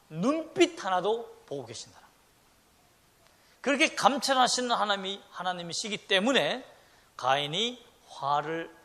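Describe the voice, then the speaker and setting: A middle-aged man preaching a Sunday sermon, swinging between loud emphatic lines and hushed ones. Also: high-pitched. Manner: animated preaching with sudden loud and soft swings, acting out quoted voices. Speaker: pastor.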